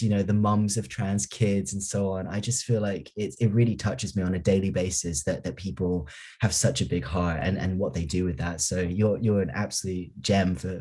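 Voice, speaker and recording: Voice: deep voice, darkish tone, husky. An author speaking earnestly and effusively in a casual interview over a video call.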